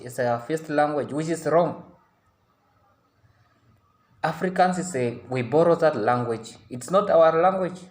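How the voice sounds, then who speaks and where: A young adult man from Namibia, whose first language is a San language, makes an impassioned public appeal in English. His voice is medium-pitched, darkish and in an ordinary middle register. He pleads earnestly, repeating himself and restarting sentences as he presses his case.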